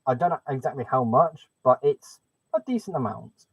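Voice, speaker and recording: A man's voice: mid-range voice, animated, normal speed, slightly rough, no room sound. Man, muffled like through a pipe. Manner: chatty, thinks aloud while fiddling with settings. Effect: muffled, hollow sound like talking through a pipe. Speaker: live streamer. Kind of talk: casual live-stream chat. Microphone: webcam microphone. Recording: dull, dry webcam mic sound.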